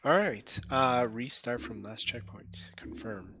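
A man's voice: medium pitch, slow pace, sharp tone, highs cut off. Sick, scratchy-voiced man streaming a game. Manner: mumbling asides to himself while playing. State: hoarse from being sick. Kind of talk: casual gameplay commentary.

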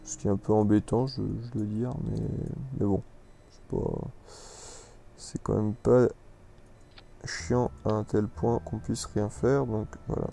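A man's voice: fairly low pitch, flat delivery, measured pace, vocal fry, pauses often, slight background noise. A man giving casual, rambling commentary on a video game, full of hesitations and restarts. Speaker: gameplay commentator. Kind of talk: casual let's-play commentary. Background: soft background music.

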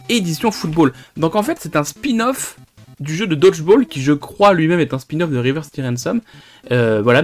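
A man hosting a retro gaming video, chatting loosely with many hesitations and restarts. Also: medium pitch. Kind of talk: casual gameplay commentary.

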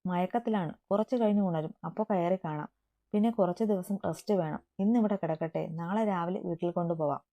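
A woman voicing a calm doctor who reassures a worried family in a story reading. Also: fairly low pitch, quick pace, close to an everyday voice. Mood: reassuring. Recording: tinny phone-like sound.

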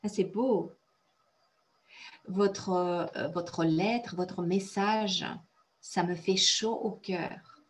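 A woman's voice: medium pitch, slow, a little hiss or hum. A woman teaching French in an online class, praising students often and explaining phrases step by step, with Russian as her native language.

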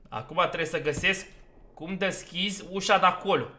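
A man's voice: sits high, sharp tone, slight background noise. A man giving let's play commentary on a horror game, talking himself through each step and getting easily exasperated. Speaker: gaming YouTuber.

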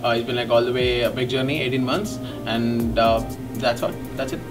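A young man with an Indian English accent, a graduate student giving a rambling, halting testimonial with many fillers. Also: mid-range voice, level tone. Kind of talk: testimonial interview. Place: indoor studio set. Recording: distant mic, background music.

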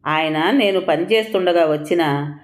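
A woman's voice: lowish voice, normal speed, lightly acted. A woman voicing a meek, pleading young wife. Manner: soft, pleading, timid.

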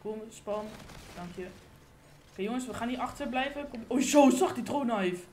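Excitable woman commenting on gameplay. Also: a little high, normal speed. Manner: excitable, swears, sudden loud outbursts. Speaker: gaming channel host. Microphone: desk condenser mic.

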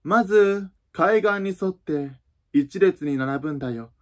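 A man voicing a brusque, impatient male Gryphon in a storybook reading, talking quickly and gruffly. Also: high voice.

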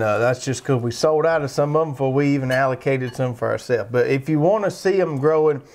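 Southern man, co-host, relaxed rambling country talk, middle-pitched voice. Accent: Southern American. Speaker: garden show co-host. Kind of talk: casual chat.

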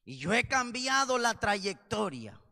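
A man preaching a sermon with passion, swinging between loud cries and low, intense passages. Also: big pitch swings, slow. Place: church. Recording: long reverb of a church hall.

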